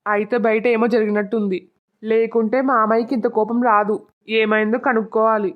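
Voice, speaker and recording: A woman's voice: on the high side, level tone, fairly quick, close to an everyday voice. A woman voicing a nervous, secretive young husband who mutters anxiously to himself, on a dull lo-fi recording.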